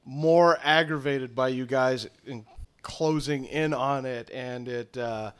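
A man running a tabletop game as game master, narrating in a halting way with many fillers. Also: mid-range voice, smooth.

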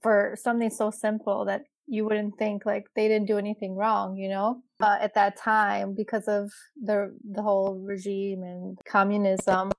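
A woman's voice: mid-range voice, a little mellow. A woman interviewing an author, asking attentive, sympathetic questions.

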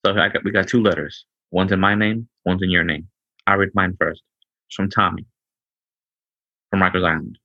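A man's voice: low voice, fairly even intonation, normal speed, pauses often, bright, forceful tone, no room sound, dull audio. A man co-hosting a podcast in casual chat, laid-back and stumbling over his words. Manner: laid-back, stammering restarts, says bro. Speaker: podcast co-host.

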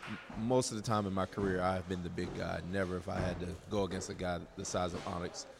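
A man's voice: sits low, level tone, fast talker, creaky. A man, himself a wrestler, giving guest wrestling commentary and reacting to the moves live. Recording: noisy live event background.

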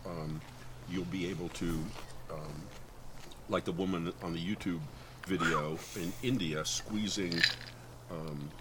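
A man, a guest expert on chili peppers from New Mexico, explaining in casual chat with many ums and pauses while his eyes water from the heat. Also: low-pitched, fairly even intonation, very noisy. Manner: halting, many ums and uhs.

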